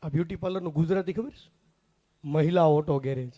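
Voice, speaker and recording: A man's voice: fairly high pitch, a little fast, mellow. A man doing live stage comedy, chatting straight to the crowd. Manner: chatty, addresses the crowd directly. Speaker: stand-up comedian and mimic.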